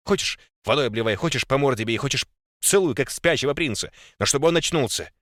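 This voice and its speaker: A man voicing a gruff young man who shouts urgent orders. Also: mid-range voice, lively intonation, fast, no room sound, studio quality, voice pushed up, natural voice. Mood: commanding.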